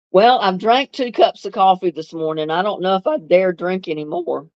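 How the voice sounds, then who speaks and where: Reading viewer comments with homey warmth and frequent laughter, this older woman from North Carolina keeps her livestream chat casual. Her medium-pitched delivery is animated yet a bit slow, captured with no room sound in a dull, dry, lo-fi recording.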